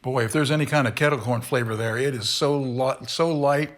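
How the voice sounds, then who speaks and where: With a brisk, mid-range voice, a middle-aged man runs his own casual candy review show. He rambles, fixes his own slips, and keeps chewing while he speaks.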